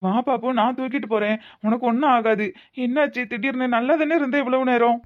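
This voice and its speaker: In a Tirunelveli Tamil accent, a woman voices an anxious young husband, firing off rapid, fretful questions as he worries and fusses. Her fairly high voice keeps a fairly even intonation, lightly acted, over slightly muffled lo-fi audio.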